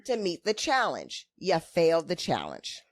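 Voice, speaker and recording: A woman talks through an opinionated recap like a co-host who pulls no punches. Her delivery is blunt and emphatic, with plenty of sass and a highly animated pitch. The sound is dry, without room echo. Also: moderate pace. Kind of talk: casual opinionated recap chat.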